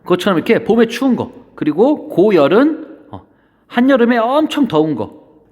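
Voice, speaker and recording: A high, animated male teacher walks students through a classical poem and slips into playful everyday retellings as he goes. His pitch swings widely, and a long reverb hangs on every word. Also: moderate pace. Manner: explains the poem with playful modern paraphrases. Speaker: Korean literature teacher. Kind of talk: classroom-style lecture.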